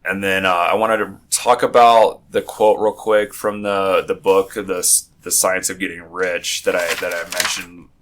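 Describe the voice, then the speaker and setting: A man's voice: low voice, level tone, unhurried, hardly any pauses, a bit bright, a little hiss or hum. A man with a groggy morning voice hosting a casual podcast chat, rambling and often restarting his sentences. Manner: rambling, with frequent restarts and self-corrections. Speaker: podcast host.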